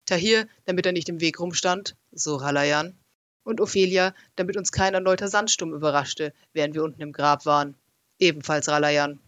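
Narrating his own adventure tale like an audiobook, a man with a rather high voice for a male speaks at normal speed with energy and expression. The sound is dry and close-miked, without any room sound.

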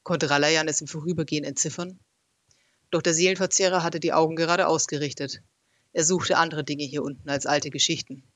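At a slightly fast pace, a man tells a first-person adventure story in a lively, expressive audiobook manner. His voice is fairly high for a man. It's recorded close and dry, with no echo or room sound.

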